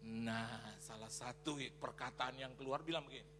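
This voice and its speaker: A man preaching a sermon as a pastor, telling a story in an animated way, acting out quotes and mixing in English phrases. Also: medium pitch, moderate pace. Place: large church hall. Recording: reverberant church hall with faint noise.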